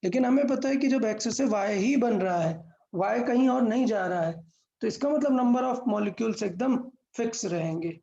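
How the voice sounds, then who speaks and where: A woman's voice: on the high side, moderate pace, gravelly, warm tone, highs cut off. A woman teaching a physics lesson step by step, asking questions and answering them herself, mixing English terms into Hindi.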